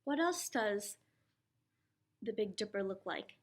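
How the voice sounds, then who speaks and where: Taking it slowly in a medium-pitched voice, a woman who teaches preschool reads a science picture book to little children. She speaks in a child-directed way, lively and encouraging, asking questions and supplying the answers herself.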